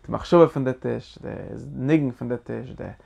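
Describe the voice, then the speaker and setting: Man with a gravelly voice, a religious teacher giving an emphatic holiday talk full of Hebrew terms. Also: medium pitch, normal speed, warm tone. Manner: earnest and emphatic, repeating key phrases. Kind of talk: Passover guidance talk.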